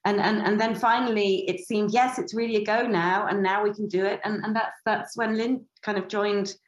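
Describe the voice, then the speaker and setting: A woman's voice: mid-range voice, steady tone, normal speed. Rambling woman producer in an echoey room. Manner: rambling, frequent fillers and restarts. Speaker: theatre producer and director. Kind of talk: casual interview chat.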